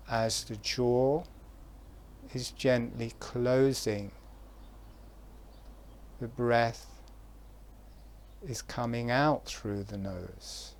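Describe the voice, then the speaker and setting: A man at medium pitch leads listeners through relaxation instructions, his voice gentle and calm, with lengthy pauses separating each phrase.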